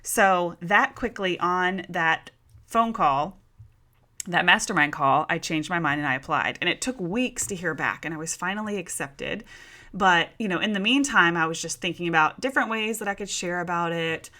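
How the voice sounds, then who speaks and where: A woman hosts her own podcast, talking to her listeners like friends on a couch, calling them "you guys" and "y'all." Her voice is bright and forceful, and it sits a little low for a woman. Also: normal speed. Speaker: podcast host. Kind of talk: casual solo podcast talk.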